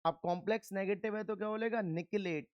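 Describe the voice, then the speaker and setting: A man's voice: high-pitched, steady tone, fast, dry recording, muffled recording. A man teaching a chemistry lecture, firmly drilling students by asking questions and answering them himself. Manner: firm, scolding reminders to pay attention. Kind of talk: classroom lecture.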